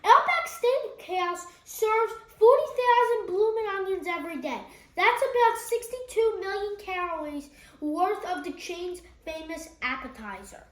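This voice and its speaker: A very high-pitched female voice helps out in a home kitchen, upbeat and agreeable. She reads recipe notes aloud step by step in a casual way. The kitchen adds a roomy echo. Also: animated, a little slow. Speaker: cooking helper and co-host. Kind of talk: casual cooking chat.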